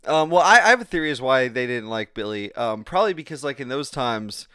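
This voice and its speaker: A man's voice: medium pitch, very animated, fairly quick, bright, forceful tone, clean tone, dry recording, clean studio sound. A man co-hosting a casual podcast, asking curious questions and reacting with surprise and mild swearing. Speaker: podcast co-host. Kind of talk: casual film history chat.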